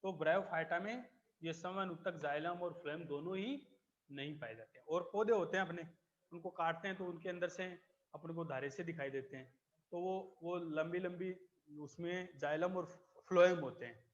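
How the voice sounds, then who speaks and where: A man teaching a biology class, explaining slowly, repeating key terms and checking that students follow. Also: a little high, lo-fi sound. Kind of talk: classroom lecture.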